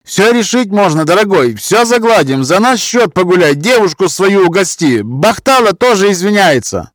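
A man voicing a nervous peacemaker who fawns and tries to smooth things over. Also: sits high, sing-song, dry recording, voice pushed up. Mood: placating. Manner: placating, hurried, fawning. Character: anxious peacemaking man, placating and fawning.

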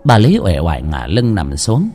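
A man's voice: low voice, wildly swooping pitch, normal speed, dark tone, soft background music. A man narrating a horror story with dramatic delivery.

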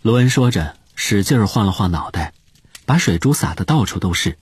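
A man narrating an audiobook as expressive scripted storytelling. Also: lowish voice, brisk, breathy edge, no room sound.

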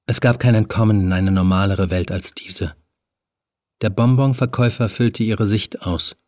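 A man narrating a horror audiobook in a measured, even storytelling manner. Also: fairly low pitch, no echo, studio quality.

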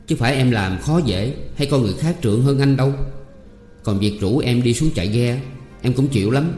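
A man with a Southern Vietnamese accent voicing a sharp-tongued young female servant, coaxing one moment and tart the next, in a storybook reading. The reading sounds like it was made in an echoey hall with faint music behind it. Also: mid-range voice, animated, a little fast, close to an everyday voice. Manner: coaxing, then tart and firm.

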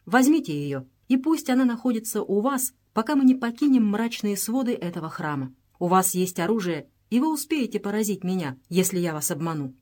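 A woman's voice: medium pitch, animated, moderate pace, darkish tone, close to an everyday voice. A woman reading aloud and voicing a loyal, repentant male guide who speaks with solemn earnestness. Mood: earnest.

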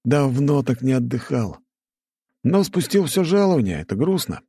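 A man voicing a carefree, talkative soldier with a raised, gravelly voice. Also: medium pitch, big pitch swings, normal speed, mellow, no echo, studio quality, pitched above the performer's own voice. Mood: cheery. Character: chatty cheerful male soldier, carefree.

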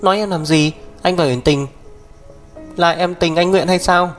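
Đàn ông giả giọng cô em gái bướng bỉnh, the thé. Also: male voice, normal speed, soft background music, lightly acted. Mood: sulky. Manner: shrill, indignant, pouting. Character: young woman, stubborn tearful younger sister.

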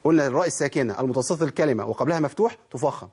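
A man's voice: medium pitch, lively intonation, racing, darkish tone, husky. A man with an Egyptian accent teaching Quran recitation rules, who poses questions to himself and then answers them. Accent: Egyptian Arabic. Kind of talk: spoken tajweed lesson.

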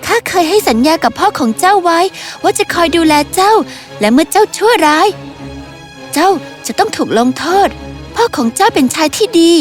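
A woman voicing a stern female fairy of truth who pronounces judgment slowly and solemnly, in a storybook tale. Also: very high-pitched, lively intonation, faint music behind, pitched above the performer's own voice.

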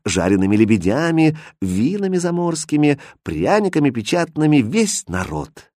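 A man reading a fairy tale aloud as narrator, in an expressive, lively storybook style. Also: on the high side, dry recording, clean studio sound.

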